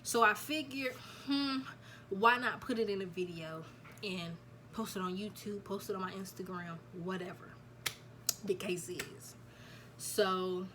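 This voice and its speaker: Talking to camera in a casual storytime chat, a nineteen-year-old vlogger shares her news with "y'all," repeating herself along the way. She has a mid-range, slightly bright voice, with slight background noise.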